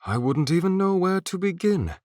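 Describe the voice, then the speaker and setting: A man's voice: sits high, big pitch swings, normal speed, darkish tone, dry recording, studio quality, voice pushed up. A man voicing a crude, bossy young male ship captain who barks coarse orders. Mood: sardonic.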